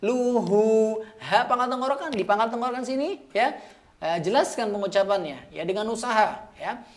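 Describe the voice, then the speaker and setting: A man's voice: high-pitched, animated, a little fast, a bit bright. A man teaching Quran recitation, patiently repeating sounds and checking in with "ya" after each point. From Indonesia. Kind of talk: slow step-by-step recitation lesson.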